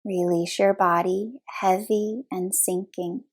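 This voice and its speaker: Soothing and unhurried, a woman leads a yoga nidra meditation in brief phrases broken by long pauses. Her voice sits at medium pitch, with a steady, somewhat dark tone.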